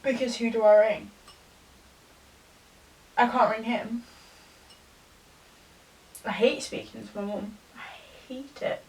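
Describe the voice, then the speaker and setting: A young woman, tipsy, giving a rambling, halting confessional rant to a camera some distance away. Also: a little high, fairly even intonation, darkish tone. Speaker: vlogger. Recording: distant from the mic.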